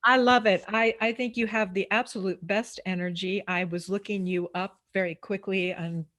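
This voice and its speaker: A woman's voice: medium pitch, fairly even intonation, moderate pace, a bit bright. A woman hosting a casual interview, chatty, with many fillers and playful asides. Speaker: interview host.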